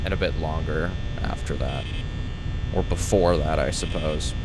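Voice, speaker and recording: A young man with a low-pitched voice talks casually over a game. He rambles through stories in an exasperated manner, acting out both sides of exchanges. The recording has a clearly audible noisy hum behind him. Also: measured pace. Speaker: gaming video host. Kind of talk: casual rambling gameplay commentary.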